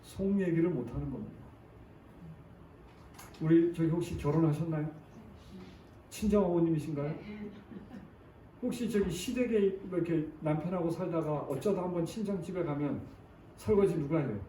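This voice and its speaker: Male preacher, sermon, asks the congregation questions, slightly high voice, far from the mic, echoey church. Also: normal speed, pauses often, dark tone, a little hiss or hum. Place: church sanctuary. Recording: echoey church recorded from a distance.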